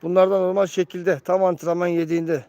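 Man, fairly high voice, casual live-stream host, chatty commentary to viewers, repeats phrases. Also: little pitch movement, a little fast, mellow, dry recording. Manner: addresses viewers as friends, repeats key phrases.

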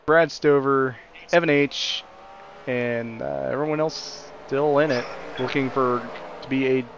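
A man's voice: mid-range voice, fairly even intonation, measured pace, highs cut off, a little hiss or hum. A man hosting and commentating a sim racing league, blunt and often exasperated at the crashes. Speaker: race commentator and league host.

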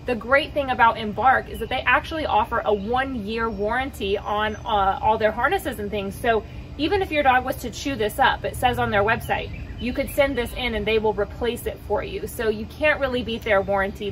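A woman's voice: normal speed, a little hiss or hum. A woman in her thirties chatting casually on an outdoor deck as she reviews dog harnesses, talking upbeat and plain toward a camera at mid distance. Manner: chatty and upbeat, calls her dogs with high boop sounds. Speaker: dog trainer and vlogger. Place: outdoors, on a wooden deck by woods.

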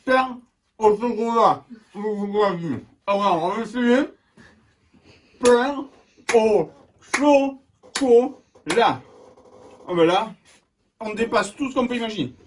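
A man teaching young children in a video lesson, slow and encouraging, clapping out syllables, recorded indoors. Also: high voice. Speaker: schoolteacher. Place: indoors at home. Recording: distant mic with steady background noise.

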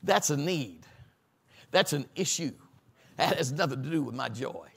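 A man's voice: a little high, animated, moderate pace, vocal fry, breathy edge. A middle-aged man pastor preaching a sermon at a Bible study on a church stage, building lists to a crescendo and calling for responses from the audience.

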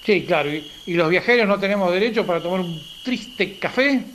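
In an amateur radio play, a man acts a grumpy, impatient traveller who is curt, exasperated and keeps repeating himself. His voice is high, lively in intonation, fairly quick and a bit bright. Faint hiss and night crickets fill the background.

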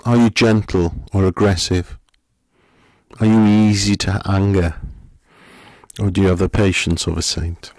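A middle-aged male pastor with a fairly low voice, preaching in a gentle, questioning, conversational way. He is recorded up close in a dry space with no room echo. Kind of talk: sermon.

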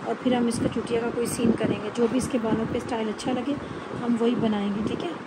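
Inside a beauty salon, with loud background noise making the room recording very noisy, a woman with a Pakistani accent teaches hairstyling informally, often asking "okay" to make sure people follow. She speaks fairly quickly at a fairly high pitch with fairly even intonation.

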